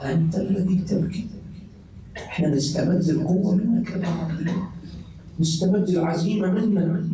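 Mosque preacher, male, impassioned, high voice, heard from far off in an echoey hall with the congregation around. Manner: impassioned, recounting with quoted speech. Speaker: mulla preacher. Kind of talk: Muharram sermon.

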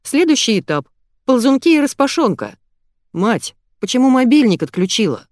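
A woman's voice: medium pitch, sing-song, fairly quick, dry recording, studio quality, voice pushed up, lightly acted. A woman voicing a lanky grown son in an audiobook, curt and sarcastic. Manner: curt, snapping. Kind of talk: audiobook character voice.

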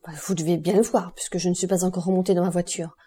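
A woman's voice: fairly low pitch, level tone, fast talker, mellow, slightly rough. A woman reading the part of a proud, distressed baroness who speaks with pained dignity in an audiobook. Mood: dignified pleading. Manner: dignified, pleading. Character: proud distressed baroness, middle-aged mother.

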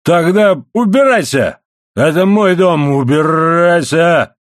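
A man's voice: on the low side, lively intonation, takes it slowly, no echo, studio quality. A man voicing a drunken, coarse middle-aged coal miner who drags out his words and then bellows. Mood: bellowing. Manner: slurred drawl turning to bellowing.

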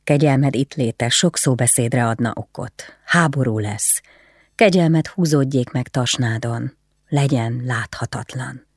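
Brief: stern, weary nobleman, read by the narrator, grave and hushed, close dry audiobook sound. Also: mid-range voice, dry recording, natural voice. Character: grieving stern nobleman, duty-bound, weary.

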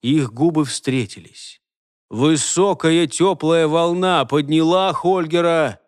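A man reading a novel aloud as narrator, measured and expressive. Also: fairly high pitch, clean tone, no echo, clean studio sound. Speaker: audiobook narrator. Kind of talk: scripted narration.

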